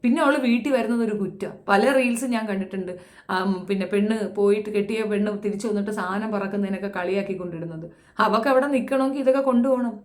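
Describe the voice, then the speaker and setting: A woman's voice: medium pitch, fast, echoey room. A woman giving a blunt, impassioned commentary, scolding and firing rhetorical questions at young women. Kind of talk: impassioned social commentary monologue.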